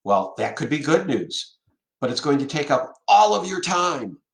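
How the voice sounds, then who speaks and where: A middle-aged man hosting a solo live video talk on leadership, speaking slowly and repeating a catchphrase with weight. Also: a little high, very animated, vocal fry. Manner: slow, repetitive, dwelling on a catchphrase. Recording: echoey room.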